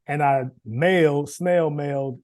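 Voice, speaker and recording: A man talks through his story in an easy, chatty way, acting out the voices of others as he goes. His voice sits a little high but sounds mellow and warm, not bright. He keeps the telling loose and animated. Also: slow pace. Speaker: guest, former quarterback. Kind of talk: casual storytelling conversation.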